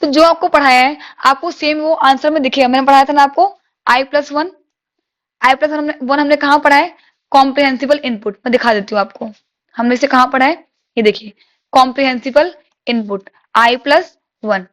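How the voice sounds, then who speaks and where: A woman teaching an exam-prep lesson, reading English questions slowly and explaining them in Hindi, asking the class questions. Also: sits high, fairly even intonation, a bit bright.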